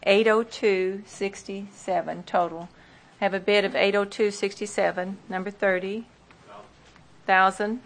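A woman's voice: medium pitch, fairly even intonation, a little slow, poor audio. A woman auctioneer formally reading out parcel numbers and bids at a tax sale in a plain, procedural way.

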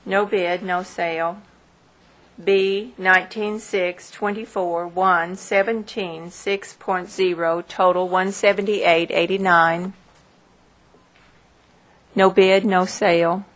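Slow, methodical woman auctioneer. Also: lowish voice, level tone, poor audio. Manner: measured, methodical, repetitive, number by number. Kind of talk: formal auction calling, reading out parcel numbers.

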